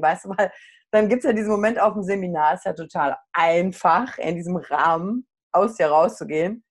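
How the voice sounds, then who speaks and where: A middle-aged woman, a coach, telling a personal story in casual conversation, candid and animated. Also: medium pitch.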